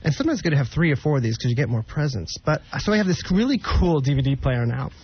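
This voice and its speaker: A man's voice: a little high, lively intonation, fast, muffled recording, slight background noise. A man with a chatty, campy manner doing a casual comic monologue as host.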